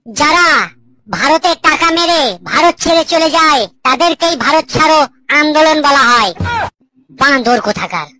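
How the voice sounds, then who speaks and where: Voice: high voice, animated, moderate pace, pushed and bright. A voice actor playing a flustered woman English teacher in a cartoon, scolding her class. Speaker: schoolteacher.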